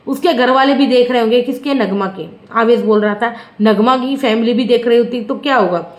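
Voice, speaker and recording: A woman's voice: a little high, brisk. A woman reviewing a reality show in a casual, gossipy, rambling way, with mocking asides. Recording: roomy echo.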